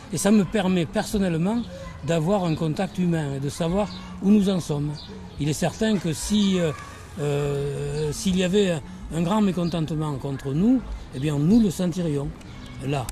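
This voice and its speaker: An older man, a mayor, answering interview questions outdoors, halting with many restarts. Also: on the high side, warm tone, a little hiss or hum. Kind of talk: documentary interview while canvassing. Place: outdoors in a housing estate.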